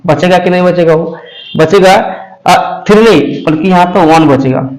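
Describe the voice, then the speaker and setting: A man's voice: sits high, a little mellow, rough recording. A male math tutor, explaining a lesson step by step and checking often that students follow. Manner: slow, repetitive explaining with frequent check-ins. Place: coaching class.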